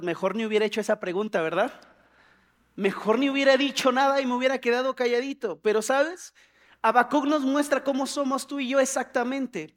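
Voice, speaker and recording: Animated pastor preaching. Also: male voice. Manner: animated, acts out prayers in a higher pleading voice, humorous asides. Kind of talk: sermon.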